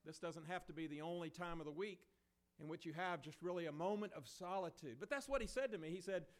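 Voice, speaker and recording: A man with a hoarse, failing voice gives an unhurried, conversational talk before communion, with a few fillers along the way. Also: on the high side. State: hoarse, losing his voice. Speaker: preacher leading communion. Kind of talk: sermon.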